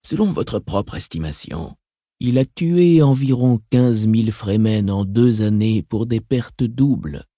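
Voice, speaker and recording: A man voicing a calm, calculating mentat advisor in an audiobook, soft-spoken and reasoned. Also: on the low side, a little slow, dry recording, clean studio sound. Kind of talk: audiobook reading.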